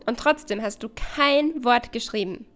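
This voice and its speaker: A woman's voice: a little high, unhurried, a bit bright, soft background music. A woman voicing a playful, frank young stranger in a read-aloud story. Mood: teasing. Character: teasing, easygoing young stranger by a lake.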